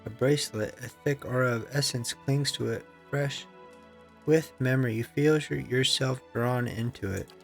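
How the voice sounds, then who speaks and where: A man hosting a game playthrough, reading the story text aloud in an even way, with small stumbles and asides. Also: mid-range voice, moderate pace, creaky, soft background music. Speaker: let's play host.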